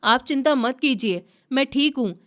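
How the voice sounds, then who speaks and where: Gentle self-sacrificing young wife, read by a woman; soft, reassuring, fairly high. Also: animated, measured pace.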